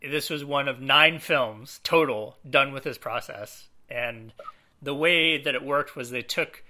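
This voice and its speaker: A man's voice: medium pitch, measured pace. A man casually discussing an old movie on a podcast, talking loosely with fillers and acting out quotes. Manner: relaxed, lots of fillers, acts out quotes. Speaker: podcast co-host.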